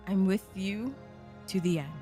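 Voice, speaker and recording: A woman's voice: medium pitch, measured pace, mellow, soft background music. A woman doing casual gameplay commentary with a playful, theatrical way of talking. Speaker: game player.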